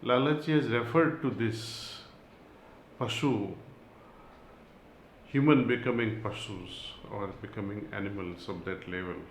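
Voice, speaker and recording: Guy giving a spiritual talk, real slow and measured, lowish voice. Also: reverberant, slight background noise, low-quality recording. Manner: slow, measured, with long pauses. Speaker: spiritual teacher. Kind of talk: spiritual talk with reading aloud.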